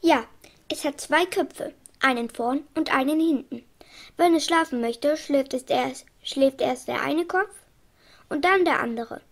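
A woman narrating a children's storybook in a clear storytelling manner. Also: high-pitched, unhurried. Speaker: audiobook reader.

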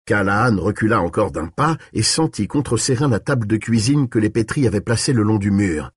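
Husky man with an expressive narrating voice. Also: fairly low pitch, fairly quick, no echo, studio quality. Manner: expressive, shifting pace and tone. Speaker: audiobook narrator. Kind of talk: dramatic audiobook narration.

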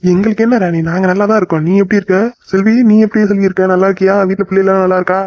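A woman voicing a visiting older relative in a cartoon, greeting family with fast, warm questions. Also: mid-range voice, fairly even intonation, no room sound, voice pushed down, lightly acted. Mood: affectionate. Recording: dull dry sound.

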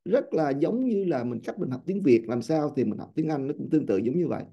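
A man teaching English to a room of adults, lively and often checking with his listeners. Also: a little high, brisk, vocal fry, slightly rough. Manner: animated, keeps checking with the class. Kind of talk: classroom lecture. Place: classroom or seminar room. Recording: dull lo-fi sound.

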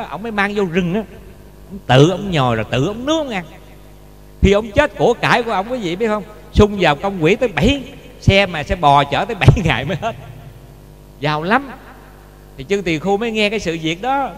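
Higher-voiced monk preaching in a reverberant hall. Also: male voice. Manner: storytelling, often asks the listeners rhetorical questions. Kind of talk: dharma talk sermon with storytelling. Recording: long reverb with faint hum.

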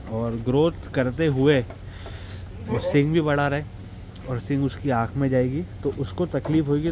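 Here a man's slightly mellow, mid-range voice carries a relaxed vlog narration. Chatty and addressing his viewers directly, he explains goat farm work step by step while outdoors at a goat farm and on a street. Traffic noise fills the recording, made with a clip-on mic once it was set up.

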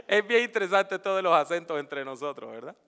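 A middle-aged pastor from Puerto Rico, speaking Spanish with a neutral Latin American accent, leads a preaching workshop and fires rhetorical questions at the audience. His voice is on the high side, smooth and fairly bright. A large hall gives the recording a long reverb.

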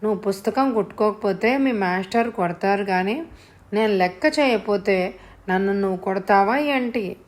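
A woman voicing a lively, teasing young village girl with a childlike, pleading way of talking. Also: mid-range voice, normal speed, close to an everyday voice.

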